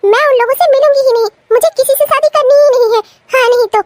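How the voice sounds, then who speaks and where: A woman's voice: very high voice, fast, no echo, far from the mic. A woman voicing a spoiled, bratty young woman in a cartoon, who whines and makes demands. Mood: indignant. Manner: whiny, demanding, indignant. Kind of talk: cartoon voice acting.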